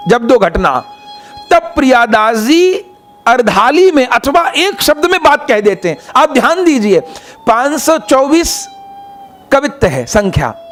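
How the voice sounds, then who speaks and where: A man giving a devotional discourse, explaining verses in an expressive, emphatic way. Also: very high voice. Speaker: devotional storyteller.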